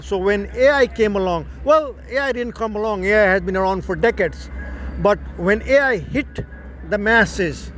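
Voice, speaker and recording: A man with a notably high speaking voice explains his tech venture in a loose, casual monologue. He circles back and rephrases points to make them clear. Faint traffic and street sounds hum in the background. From Nepal. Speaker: founder explaining his startup.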